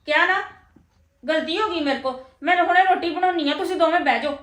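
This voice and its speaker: A woman's voice: very high-pitched, fast talker, a bit bright, reverberant. A woman with a Punjabi accent, acting a defensive elder sister-in-law in a scripted family drama. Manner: defensive, then placating.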